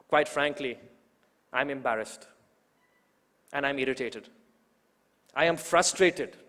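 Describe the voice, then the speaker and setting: A man's voice: on the high side, fairly bright tone. Young man giving a rousing hall speech. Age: 20s. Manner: rousing, emphatic, with rhetorical repetition. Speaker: youth organizer introducing the main speaker. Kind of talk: public speech at a political event. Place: large event hall. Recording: long hall reverb.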